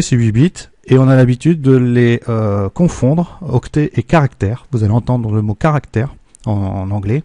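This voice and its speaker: A man teaching a technical lesson, walking through a correction step by step, patiently checking that his students follow and slowing down on numbers. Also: mid-range voice, warm tone, dry recording, studio quality. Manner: patient, checks in with "d'accord?" and "hein"; slows down to spell out numbers and steps. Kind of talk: screen-recorded lesson correction.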